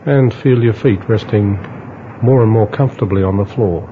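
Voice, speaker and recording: Male relaxation guide, slow hypnotist delivery with long pauses, lowish pitch, dull lo-fi sound. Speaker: relaxation instructor. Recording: dull lo-fi audio with faint noise.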